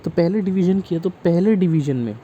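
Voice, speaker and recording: A man's voice: sits high, animated, fairly quick, highs cut off, a little hiss or hum. A man teaching a math lesson, explaining step by step and checking in often with the class.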